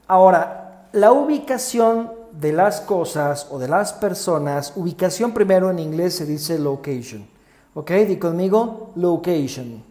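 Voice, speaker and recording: A man's voice: fairly high pitch, dark tone, reverberant. A man hosting a podcast English lesson, patiently repeating words for listeners to say with him. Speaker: English teacher, podcast host.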